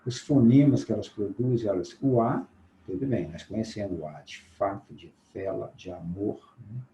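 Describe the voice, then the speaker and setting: A male teacher with a Brazilian Portuguese accent giving a recorded class, patiently explaining and sounding out letters slowly to demonstrate. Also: on the low side, mellow, echoey room, slight background noise, rough recording.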